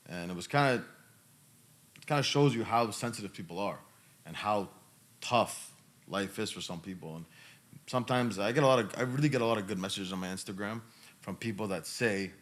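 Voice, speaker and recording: With a low yet fairly bright voice, a man in his thirties hosts a podcast and answers questions conversationally. He talks emphatically and tends to say things twice.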